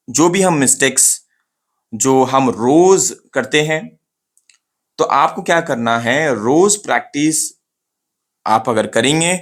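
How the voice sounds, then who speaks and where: Medium-pitched with a fairly bright tone, this man teaches English pronunciation in a casual lesson to camera. His drilling is slow and repetitive: he models words by repeating them and poses questions he then answers himself.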